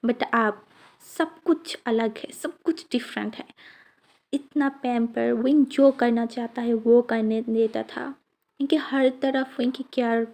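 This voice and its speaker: Woman narrator, casual chatty fan story retelling, slightly high, mellow voice. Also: fairly even intonation, unhurried. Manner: chatty, mixes English words into the telling.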